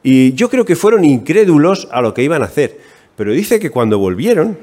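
A man preaching a sermon in a Spanish accent from Spain, conversational and animated, asking the congregation questions. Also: fairly high pitch, fairly quick.

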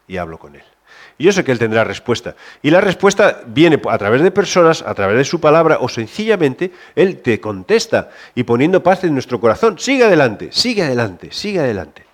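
A man from delivers a sermon in a conversational way, never quite reading a script. He stumbles and restarts often. His voice sits at an average pitch, drops to near-whispers on tender points, and climbs when he presses a question. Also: sing-song, a little fast. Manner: conversational, many restarts, shifts between soft and raised. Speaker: preacher.

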